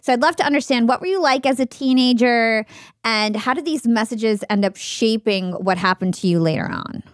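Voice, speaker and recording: A woman's voice: on the high side, normal speed, no room sound, studio quality. A woman from New Jersey hosting a podcast, introducing her guest and asking methodical, researched questions. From New Jersey, United States. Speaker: podcast host. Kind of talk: scripted intro and interview questions.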